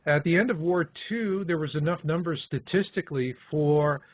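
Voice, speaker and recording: A man's voice: on the high side, normal speed. A man hosting a radio talk show, explaining his points in a conversational way. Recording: tinny phone-like sound.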